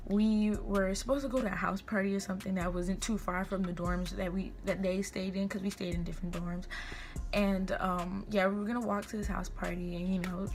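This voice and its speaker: Gossipy young American woman over background noise. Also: mid-range voice. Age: young adult. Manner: chatty and informal, acting out quoted dialogue. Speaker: vlogger. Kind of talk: casual gossipy storytime chat. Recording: clear background room noise.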